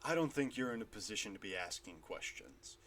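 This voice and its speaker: A man voicing a mocking, menacing male thug leader with a warhammer, speaking low and quiet. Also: lively intonation, brisk. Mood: cold.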